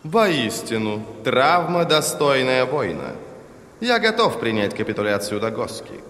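A proud imperial envoy in an audiobook , voiced by a male reader, speaking down to everyone. His voice is resonant and commanding, pitched a little higher and pushed louder than the narration. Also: big pitch swings, measured pace, reverberant, big-room sound. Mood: haughty. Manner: arrogant, pompous. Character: haughty, imperious tall male ambassador.

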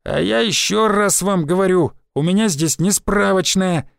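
A man's voice: high voice, normal speed, dry recording, clean studio sound, pitched above the performer's own voice. A man voicing a nervous middle-aged pawnbroker who squeals and pleads in panic. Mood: irritated.

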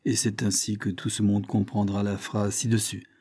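A man narrating a novel aloud in a measured, formal reading style. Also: lowish voice, completely flat delivery, warm tone, husky. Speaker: audiobook narrator. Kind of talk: scripted narration.

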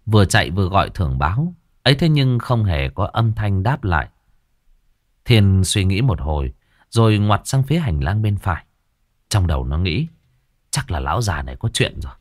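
A man narrating a horror story in a lively, dramatic way. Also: fairly low pitch, normal speed, dry recording, clean studio sound.

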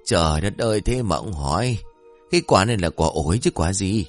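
A man's voice: low-pitched, expressive, fairly quick, soft background music. A man voicing a hapless young husband who brags and then pleads. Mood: bragging. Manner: cheerful bragging, pleading.

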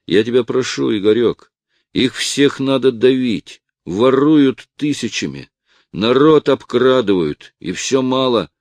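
A man's voice: mid-range voice, lively intonation, measured pace, a little mellow, no room sound. A man voicing a badly beaten young man who speaks weakly, groaning and pleading, bitter about his attackers. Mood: vengeful. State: in pain, weak.

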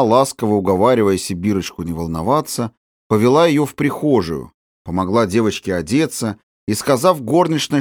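A man reading a children's novel aloud as an audiobook narrator, in a measured, expressive storytelling manner. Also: on the low side, dry recording, clean studio sound. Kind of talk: scripted narration.

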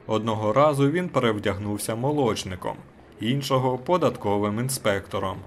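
A man narrating a short story as an audiobook in a steady, measured way. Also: lowish voice, slight background noise.

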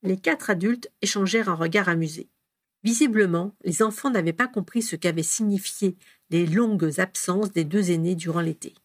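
A woman reading a story aloud as narrator, steady and even, with the voice recorded close. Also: on the low side, moderate pace, no echo. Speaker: audiobook reader.

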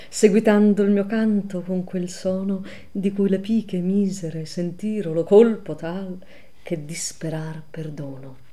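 Woman reciting poetry, slow and theatrical. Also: fairly low pitch. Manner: slow and theatrical, swinging from whispers to loud declaiming. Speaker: reader. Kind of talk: live dramatic poetry recitation.

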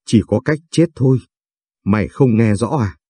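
A man's voice: mid-range voice, moderate pace, dark tone, husky, no room sound, close to an everyday voice. A man reading the lines of a jealous young woman who holds a child hostage, speaking harshly and with contempt. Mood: threatening. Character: scheming jealous young woman kidnapper, cruel and bitter.

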